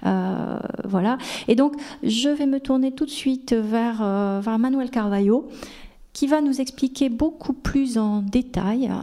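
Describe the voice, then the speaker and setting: A woman moderates a conference panel, stopping often to restart her sentences and fill pauses. Her voice sits a little high and has a soft, mellow tone. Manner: halting, many fillers and restarts. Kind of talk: hesitant conference introduction. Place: conference hall.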